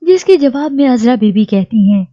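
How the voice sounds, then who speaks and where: A woman narrating a recap of a TV drama in a steady storytelling read. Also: a little high, moderate pace, highs cut off.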